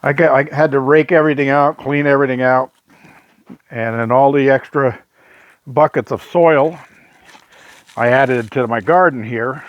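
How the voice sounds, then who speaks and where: A man's voice: mid-range voice, no room sound, dull audio. A man out of breath after hard work, chatting casually as he walks through his desert greenhouse and shows his trees, rambling and correcting himself. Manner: rambling, self-correcting, with frequent filler pauses. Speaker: homesteading vlogger. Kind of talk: casual walkthrough vlog. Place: outdoors and inside a greenhouse in the desert.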